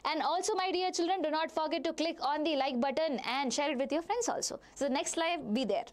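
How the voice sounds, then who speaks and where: High-voiced Indian woman teaching. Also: a little fast. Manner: repeats phrases and asks questions she answers herself. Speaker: biology teacher. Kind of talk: live online lesson, explaining and questioning students.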